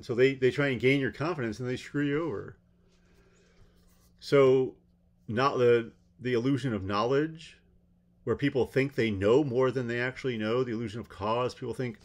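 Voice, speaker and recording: A man talks through a trial in an unscripted commentary, his voice sitting at an ordinary middle pitch. He is blunt and openly sarcastic, breaking off into exasperated asides. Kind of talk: rambling commentary monologue.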